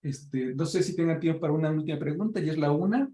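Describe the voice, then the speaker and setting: A man's voice: a little high, fast, dark tone, reverberant, rough recording. A man leading a research meeting, explaining patiently with fillers like "este".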